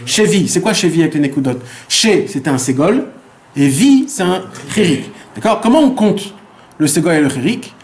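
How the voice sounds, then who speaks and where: A man's voice: on the high side, very animated, moderate pace, a little mellow. A man, a rabbi, teaching a Torah lesson who poses rhetorical questions, answers them himself, repeats phrases for emphasis and drops in Hebrew terms. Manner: mixes Hebrew terms into his speech.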